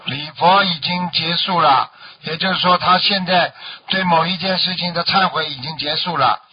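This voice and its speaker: A Buddhist master on a radio call-in show, explaining dreams to callers in plain terms and often checking whether they understood. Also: male voice, a little high, moderate pace, highs cut off, a little hiss or hum.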